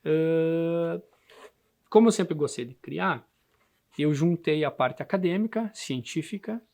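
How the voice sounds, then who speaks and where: A man with a southern Brazilian gaúcho accent, talking casually about himself in a halting way, often adding tag questions. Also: on the high side, expressive, vocal fry, a little mellow. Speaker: musician and handmade instrument builder. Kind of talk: casual interview monologue.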